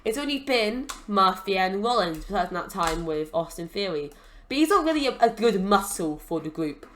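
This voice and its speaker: Chatty woman, bright voice. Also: mid-range voice, big pitch swings, moderate pace. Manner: rambling, chatty, lots of fillers. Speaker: gaming channel host. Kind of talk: casual let's-play commentary.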